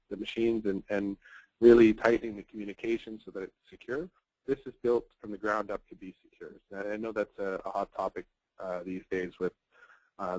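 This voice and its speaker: Low-voiced man presenting a tech webinar. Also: dry recording, poor audio. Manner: fluent with frequent fillers and repeated words. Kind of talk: technical product webinar.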